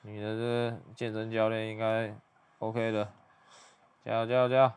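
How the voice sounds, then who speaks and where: A young man giving hushed, muttered play-by-play commentary as he reacts to a video. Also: fairly low pitch, little pitch movement, normal speed, smooth.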